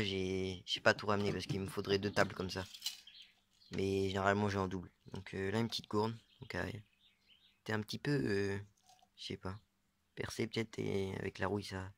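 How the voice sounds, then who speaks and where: This young man's voice sits low, steady, and fairly quick, gravelly yet fairly bright in tone. In a casual show-and-tell vlog he presents his metal-detecting finds, hesitating often with fillers and uncertain asides.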